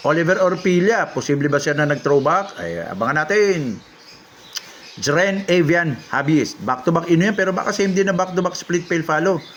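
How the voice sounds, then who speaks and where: A man talks casually over a stream, reading viewers' names and comments and then reacting. His voice sits a little high for a man. Faint bird calls and a low hiss of ambience run behind him. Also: fairly bright tone. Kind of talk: casual livestream chat.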